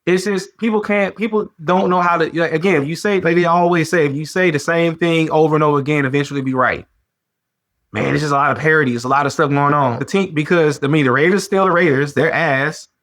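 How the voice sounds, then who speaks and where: A man hosts a sports talk show in a loose, conversational way, hammering his points home by repeating them. His voice sits a little high for a man, and he lets it rise and fall freely as he riffs. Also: fast. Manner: animated, repetitive, conversational slang. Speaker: podcast host.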